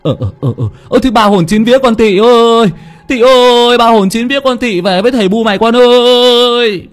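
A man's voice: mid-range voice, expressive, normal speed, dark tone, husky, faint music behind. A man narrating an audiobook while voicing a superstitious villager chanting in a sing-song way.

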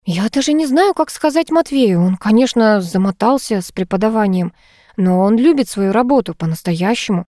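A woman's voice: mid-range voice, lively intonation, moderate pace, mellow, no echo, clean studio sound, close to an everyday voice. A woman voicing an earnest, worried young married woman in an audiobook. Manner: anxious, earnest.

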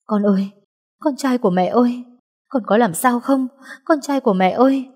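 A woman's voice: sits low, animated, normal speed, dark tone, breathy edge. A woman reading a story, voicing a bitter, proud mother who talks sharply and with scorn. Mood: distraught.

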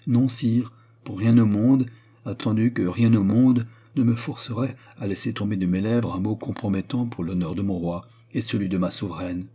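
A man's voice: lowish voice, moderate pace, warm tone, husky. A man reading a grave, deferential minister. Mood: solemn. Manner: solemn, respectful, insistent. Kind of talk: audiobook character reading.

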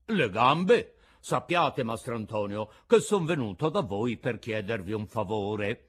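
Touchy old woodcarver for a storybook; gruff, loud, quick to take offence, put on by a man reading. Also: medium pitch, lively intonation. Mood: earnest. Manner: gruff and loud, easily riled.

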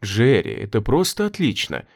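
A man voicing a cool, calculating young woman, lifting his voice and keeping it soft and controlled. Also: mid-range voice, huge pitch swings, normal speed. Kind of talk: audiobook character voice.

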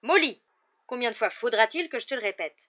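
A woman's voice: mid-range voice, fast, natural voice. A woman voicing an earnest middle-aged father who presses his point in a storybook reading, with a slightly dull recording. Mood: urgent. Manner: earnest, insistent.

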